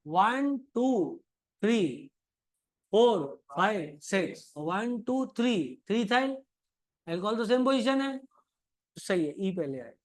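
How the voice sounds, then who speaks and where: Male chemistry teacher, high voice, teasing and chatty with his class, mock-scolding. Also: lively intonation, slow. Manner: calls students "beta". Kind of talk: live classroom lesson.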